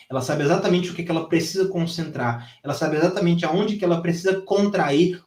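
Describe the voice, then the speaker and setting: A former gym trainer turned sales mentor teaches on a live stream from home, intense and emphatic, swearing freely and acting out his old coaching sessions. His voice is on the high side, with a roomy sound.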